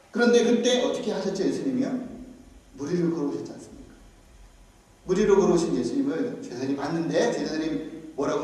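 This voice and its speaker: A high-voiced pastor preaches to his congregation and keeps turning to them with rhetorical questions. He stands well back from the mic, and his voice rings with a long, echoey church-hall reverb. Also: a little mellow, distant mic. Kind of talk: sermon. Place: church sanctuary.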